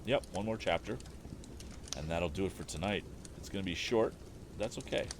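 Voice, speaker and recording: Hosting a storytime livestream, this man alternates between reading a book aloud and casually chatting and thinking out loud to his stream. His voice is deep and his speed is normal, though the background is noisy.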